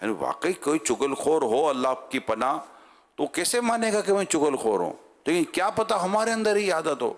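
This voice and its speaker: Lively, fairly high-voiced male preacher. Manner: lively and rhetorical, with questions to listeners; leads the audience in loud chanted slogans. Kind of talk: religious sermon to a gathering.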